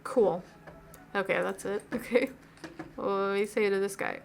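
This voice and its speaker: A woman's voice: mid-range voice, steady tone, a little slow, creaky. A woman hosting a video game playthrough, reading dialogue aloud expressively with playful asides and commentary. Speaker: video game let's-play host.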